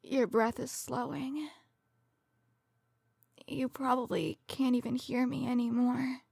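A woman playing a coldly tender serial killer in a soft, breathy ASMR role-play, slowly soothing her victim as if comforting someone in her lap. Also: sits high, little pitch movement, no room sound, studio quality, full character voice. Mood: tender, hushed.

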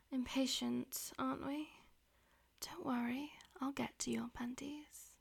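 In an audio roleplay, a woman plays a dominant, teasing female demon, mostly using breathy, domineering whispers. Her voice sits high, a little mellow, and exaggerated.

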